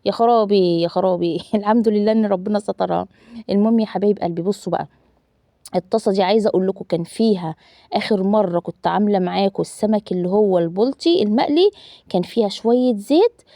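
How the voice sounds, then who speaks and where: A woman's voice: mid-range voice, fast talker, gravelly, dark tone, no room sound, clean studio sound. A woman in her thirties with an Egyptian Arabic accent, chatting casually to viewers while narrating her cooking, with lots of fillers. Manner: chatty, addresses viewers as loved ones, frequent fillers. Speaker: family vlogger.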